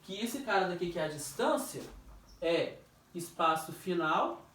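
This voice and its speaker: A man's voice: sits high, animated, a bit bright, slight background noise. A male teacher runs a casual physics review, tossing questions at a student and stretching out key words. He sits back from the mic in a roomy, echoing space. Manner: jokey, questioning, drawn-out stressed words. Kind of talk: informal classroom review. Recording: echoey room, distant mic.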